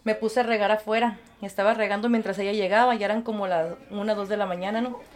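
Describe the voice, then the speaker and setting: A woman, a guest recounting her experiences and acting out the voices of others in lively conversation. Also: fairly high pitch. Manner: animated, acts out quoted voices, laughs easily. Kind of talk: storytelling in conversation.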